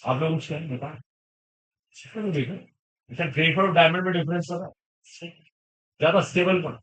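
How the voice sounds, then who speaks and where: A male teacher lectures a class of students, his voice a little higher than most men's. He quizzes the students often and goes back over the main points, dropping English phrases into his explanations. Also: moderate pace, a bit bright, rough recording. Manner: questions students, repeats key points, mixes English phrases. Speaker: chemistry teacher.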